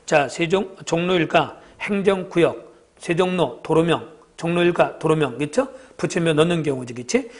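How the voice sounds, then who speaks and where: A middle-aged man teaching an exam review lecture, who keeps asking the class quick check-in questions and answering them himself. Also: a little high. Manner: asks constant rhetorical check-ins.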